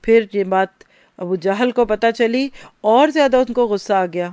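A woman's voice: on the high side, a little mellow, dry recording. A woman teaching a religious lecture, telling stories and asking her listeners questions. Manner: storytelling, addresses listeners directly with questions.

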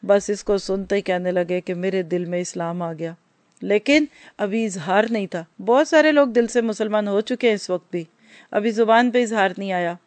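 A woman gives a religious storytelling lecture at an ordinary, middle pitch. She talks straight to her listeners and asks them questions. The sound is dry and close, with no room echo. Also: a little mellow. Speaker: religious teacher.

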